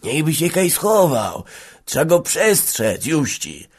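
A man voicing a frail old peasant who stammers slowly in a thin, high voice. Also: sing-song, breathy edge, heavily acted. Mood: fretful.

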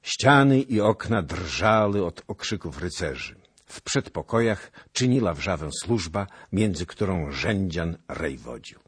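A man narrating a literary audiobook in an expressive, theatrical reading. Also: low-pitched, unhurried, husky, no echo, studio quality.

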